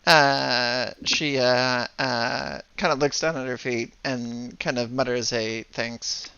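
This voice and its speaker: A man runs a tabletop game, stopping and restarting with lots of fillers. His voice is gravelly yet bright. The recording is dry and a bit dull. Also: medium pitch, fairly even intonation, no room sound. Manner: halting, many fillers. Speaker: game master.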